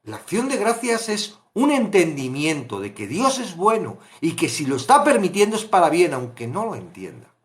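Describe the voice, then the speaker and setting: A man teaching a Bible study, impassioned, swinging between hushed asides and loud exclamations. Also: a little high, huge pitch swings, moderate pace, few pauses.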